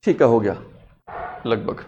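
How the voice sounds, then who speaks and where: A man's voice: mid-range voice, lively intonation, measured pace, dark tone, dull audio. A man teaching a Hindi grammar class, explaining step by step and often asking his students questions before answering them himself. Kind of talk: classroom lecture.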